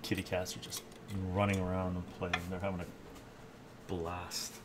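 Here an older man cooks on a live stream from his home kitchen, speaking in a deep voice at a moderate pace. Relaxed and chatty, he reads the chat aloud while working, recorded from a camera at a distance with background noise of clattering dishes and cutlery.

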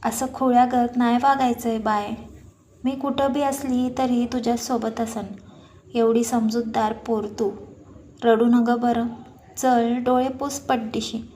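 A woman voicing an elderly, frail village grandmother who speaks weakly and gently in a rustic dialect. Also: a little high, level tone, a little slow, slight background noise, lightly acted. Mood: tender.

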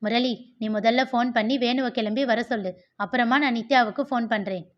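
A woman's voice: fairly high pitch, steady tone, brisk, natural voice. A woman doing a stern old matriarch. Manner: firm, stern commands. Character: stern elderly mother, firm family matriarch. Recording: dull lo-fi recording.

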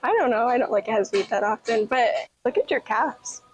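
A woman's voice: fairly high pitch, expressive, fairly quick. A young woman chatting casually as a workout partner during a gym session. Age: young adult. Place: indoors in a gym. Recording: clearly noisy gym floor.

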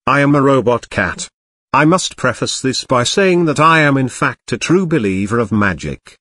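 A man narrating scripted commentary as host in a formal, deadpan way. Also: medium pitch, normal speed, no echo, studio quality.

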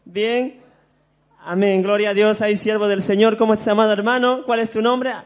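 A man's voice: high-pitched, level tone, normal speed. A man hosting church testimonies, welcoming and questioning a guest. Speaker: church event host.

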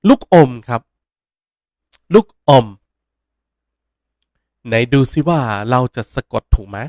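A young man giving a casual online Japanese lesson, chatty and joking, repeating words slowly so learners can practise. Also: mid-range voice, big pitch swings, darkish tone, no room sound, clean studio sound. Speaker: Japanese language teacher.

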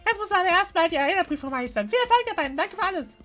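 A woman's voice: very high voice, sing-song, racing, a bit bright, faint music behind, heavily acted. A woman voicing an eager, battle-hungry teenage girl champion from a video game. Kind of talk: dubbing video game dialogue.

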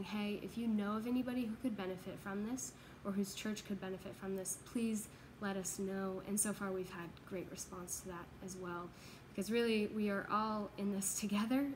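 In a spacious indoor office with exposed ductwork, a young American woman who serves as a church pastoral associate offers an earnest, explanatory, informal video update. Her voice is mid-range. The audio quality is poor, with a little hiss or hum.

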